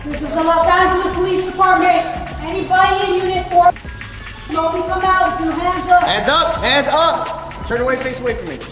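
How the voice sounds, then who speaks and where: A male police officer shouting clipped commands through a megaphone at a scene. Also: very high voice, brisk. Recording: echoey and distant, with loud music over it.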